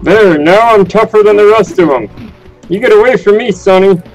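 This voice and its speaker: Guy doing a grumpy ninety year old grandpa voice in a video game, kinda high and nagging at the young folks. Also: moderate pace, soft background music, poor audio. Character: cranky stereotypical old man, about ninety. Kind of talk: in-game role-play.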